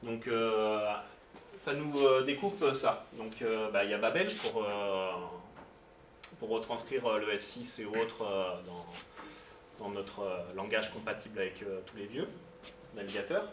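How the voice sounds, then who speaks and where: A man presents a technical talk to a live meetup audience, pausing often and filling gaps as he goes. He is heard from a distance in a roomy space, with a faint hiss underneath. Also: on the low side, fairly even intonation, fairly bright tone. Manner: hesitant, many fillers, informal asides. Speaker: meetup speaker. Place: meetup room. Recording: roomy sound, distant mic, faint noise.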